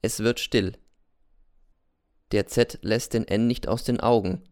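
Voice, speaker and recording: A man narrating an audiobook in a measured, introspective first-person telling. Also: on the low side, steady tone, darkish tone, clean tone, no echo, clean studio sound.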